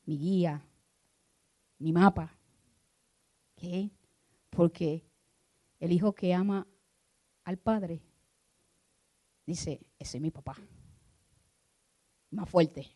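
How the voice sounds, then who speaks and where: Lady minister preaching, lowish voice, goes from soft prayer to loud fired-up calls. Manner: swings from hushed prayer to loud fervent exhortation. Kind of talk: sermon.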